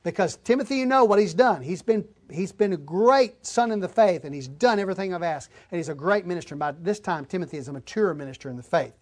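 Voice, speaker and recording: A man's voice: high-pitched, expressive, fast talker, hardly any pauses. A man preaching an expository sermon, reading scripture aloud and then explaining it plainly to his listeners, whom he calls folks.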